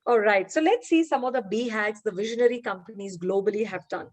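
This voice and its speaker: A woman's voice: mid-range voice, a little fast. Woman leading an online workshop. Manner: warm encouraging, asks participants questions. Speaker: workshop facilitator and founder. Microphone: video call.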